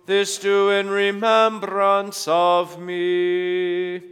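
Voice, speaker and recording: A man's voice: sits high, clear, resonant tone, soft background music. Man chanting liturgy in cathedral echo. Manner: slow, even, intoning. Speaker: priest leading a service.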